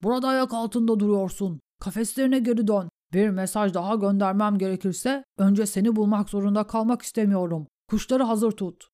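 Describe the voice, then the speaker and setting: A woman's voice: mid-range voice, steady tone, a little fast, few pauses, warm tone, voice pushed up, close to an everyday voice. A woman playing a curt old commander. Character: stern old male commander on horseback.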